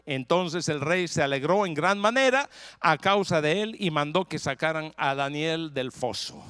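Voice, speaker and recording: A man preaching a sermon as pastor, retelling a scripture story in a lively way with frequent rhetorical questions. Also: a little high, normal speed, clean tone, dry recording. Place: church in Texas.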